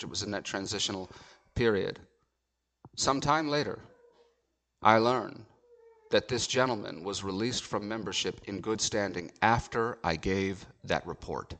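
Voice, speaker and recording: Man, pastor, deep low voice, earnest emphatic sermon. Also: fairly bright tone.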